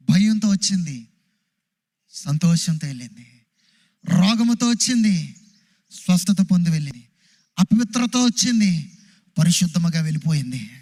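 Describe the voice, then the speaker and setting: A male pastor preaching with emphasis in a fairly high voice. He fires rhetorical questions and swings his pitch up and down for effect. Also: darkish tone. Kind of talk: sermon.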